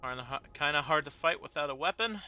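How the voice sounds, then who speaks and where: A man's voice: fairly high pitch, expressive, fast talker, sharp tone. A young man giving casual, rambling commentary on a video game he is playing, with joking asides and many fillers. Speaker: let's play host. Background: game music.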